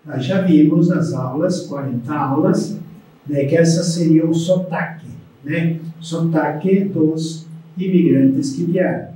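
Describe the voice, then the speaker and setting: An older man teaching a language lesson in a slow, deliberate way that often ends with a questioning "né?". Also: a little high, dark tone. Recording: echoey room, voice far from the mic.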